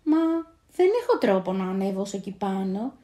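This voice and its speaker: A woman's voice: mid-range voice, expressive, warm tone, echoey room, lightly acted. A woman voicing a small, eager young male moon-coverer in a storybook tale, who talks earnestly and cries out with all his strength. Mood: worried pleading.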